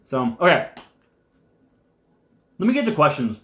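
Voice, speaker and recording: A young man with a slightly high voice chats loosely on a live stream, rambling from point to point with animated energy. He sometimes talks through a mouthful of food. The sound bounces around an echoey room. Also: unhurried. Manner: rambling, animated, eating while talking. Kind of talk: casual live-stream chat.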